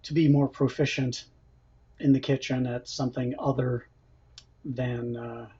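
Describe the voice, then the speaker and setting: A man's voice: medium pitch, level tone, a little slow, warm tone, husky. A man hosting a casual cooking livestream from his home kitchen, chatting and reading out viewer comments as he eats. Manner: chatty, reads out viewer comments, laughs often. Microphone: built-in camera microphone. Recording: dull lo-fi camera mic audio.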